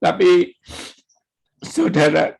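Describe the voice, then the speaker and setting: A man, a pastor giving an emotional sermon testimony at a church prayer service, speaking slowly with long pauses. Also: high voice, big pitch swings, creaky, a little mellow. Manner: slow, emotional storytelling with drawn-out pauses.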